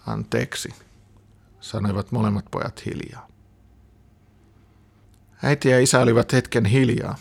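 A man calmly reading a children's story aloud. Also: fairly low pitch, gravelly, breathy edge.

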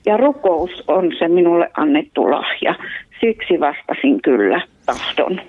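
A woman's voice: fairly low pitch, very animated, dry recording. Savo-accented woman on a phone line. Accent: Savo Finnish. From Savo, Finland. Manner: earnest, laughs often while talking. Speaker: guest, evangelist and prayer line volunteer. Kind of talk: radio interview. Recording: tinny phone line, dry.

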